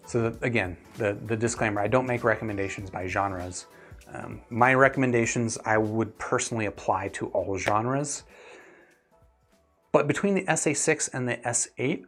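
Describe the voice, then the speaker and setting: On a relaxed livestream, a gear reviewer and host chats with viewers, musing out loud as he responds to their questions. He has a mid-range, somewhat bright male voice.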